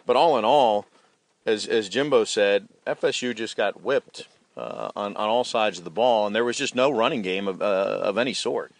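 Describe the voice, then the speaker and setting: A man's voice: fairly low pitch, moderate pace, gravelly, no echo. A man hosting a sports talk show, chatting about a football game and reading sponsor spots in a conversational way. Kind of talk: sports radio talk and live ad reads.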